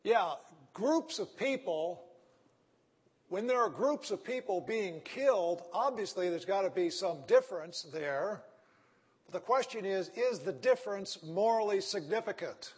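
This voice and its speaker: Long, ringing reverb from a large hall surrounds this animated ethics lecture. The Texan-accented man speaks at a measured pace in a slightly husky voice that sits high for a man. He pushes his argument forward one step at a time, often checking in with "right?" or "okay?".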